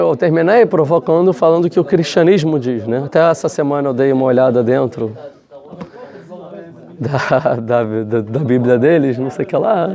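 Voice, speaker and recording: A man with a somewhat high, creaky, darkish voice gives a relaxed religious lesson. His delivery is conversational, with many fillers and restarts and frequent rhetorical questions.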